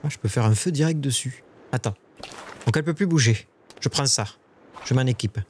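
A man streaming a survival game, talking to his chat in casual live commentary and shrieking high when startled. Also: a little fast, darkish tone, a little hiss or hum.

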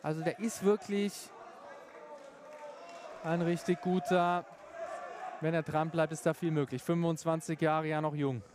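Male boxing commentator, live sports call, emphatic, raised pitch, faint venue noise behind. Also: fairly even intonation, a little slow, pauses often.

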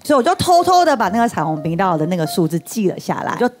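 A woman in her forties with a Taiwanese Mandarin accent tells stories on a TV talk show set at a brisk pace. She is an animated storyteller who acts out the voices of the people in them, and faint music sits behind her. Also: medium pitch. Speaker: guest. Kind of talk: casual chat, telling anecdotes. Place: TV studio.

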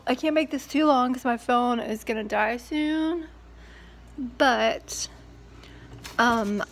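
Outdoors by her backyard pool, a woman in her thirties with a somewhat high voice rambles chattily to her phone camera at arm's length, using plenty of fillers in this casual vlog. There's slight background noise.

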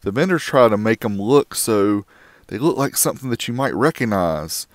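A man's voice: lowish voice, animated, normal speed, dry recording, studio quality. Wry man reviewing car audio gear. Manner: wry, joking asides. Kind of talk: casual voice-over product review.

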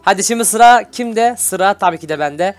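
A man's voice: high voice, lively intonation, moderate pace, soft background music. A young man hosting a casual Minecraft gameplay video, teasing and bossing his playmate, laughing often and turning to talk to his viewers. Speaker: gaming channel host.

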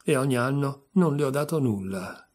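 A man's voice: mid-range voice, lively intonation, normal speed, darkish tone, lightly acted. A man reading a story aloud, voicing a poor, timid elderly widower who speaks with sighing sorrow. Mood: mournful. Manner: sighing, mournful. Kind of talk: audiobook reading.

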